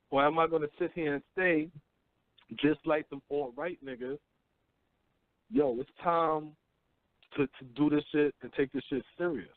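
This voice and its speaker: A man's voice: a little high, no echo. Profane man ranting on phone-line radio. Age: 30s. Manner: blunt, profane, preachy, keeps asking "you know what I'm saying". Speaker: radio host. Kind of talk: casual call-in radio talk. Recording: tinny phone-line audio.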